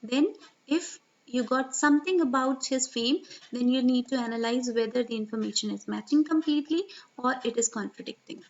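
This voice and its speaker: A woman with a high voice walks learners through an exam reading strategy, step by step. She keeps checking in with a questioning "right?" as she goes. The recording sounds a little dull and lo-fi. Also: normal speed. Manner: steady teacherly explaining, frequent "right?" check-ins. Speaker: IELTS tutor.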